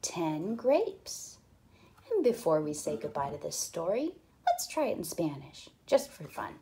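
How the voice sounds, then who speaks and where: A young woman teacher reading a counting book aloud to small children, counting slowly in a sing-song way with playful whispers and excited pitch jumps. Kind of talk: counting read-aloud lesson.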